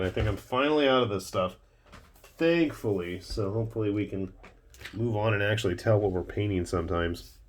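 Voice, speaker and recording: A man hosting a casual show-and-tell of his painted miniatures, chatty with wry asides. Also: fairly low pitch. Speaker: miniature painting channel host.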